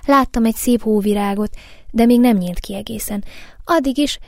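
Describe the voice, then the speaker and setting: Egy nő játssza a kíváncsi kislányt. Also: female voice, a little high, a little mellow, no echo, studio quality, natural voice. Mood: curious. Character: curious, gentle little girl.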